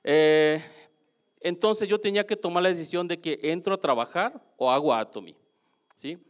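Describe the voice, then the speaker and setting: A man with a Mexican accent giving a lively motivational testimonial at a business seminar, often checking in with the audience through quick questions. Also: fairly high pitch. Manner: keeps asking the audience questions, animated.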